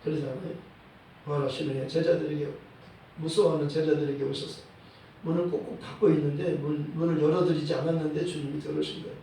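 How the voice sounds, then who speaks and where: A male pastor preaching a sermon in a church, in a measured way, often dropping a short "yes" between phrases and quoting verses. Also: a little high, little pitch movement, gravelly, dark tone, slight background noise. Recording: echoey hall, voice from a distant mic.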